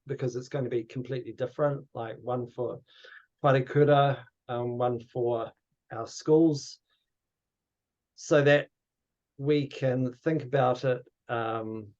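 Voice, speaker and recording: A man with a New Zealand accent runs an online workshop over video call, guiding things informally and politely with some hesitation before wrapping up. He speaks slowly in a mid-range, a little mellow voice with fairly even intonation, and the audio sounds dull.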